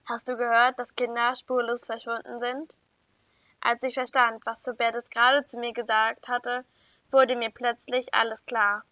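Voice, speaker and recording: Woman reading a kids story out loud, bright voice, kinda dull lo-fi sound. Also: on the high side, little pitch movement, a little slow, no room sound. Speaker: story reader. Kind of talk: reading a children's story aloud. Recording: dull lo-fi dry recording.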